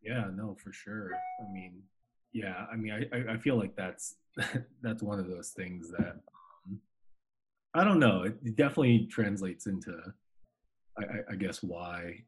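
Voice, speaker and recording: A man's voice: lowish voice, measured pace, noisy background. A man in his twenties, hosting a casual chat, slangy and laughing often, repeating words as he restarts. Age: 20s.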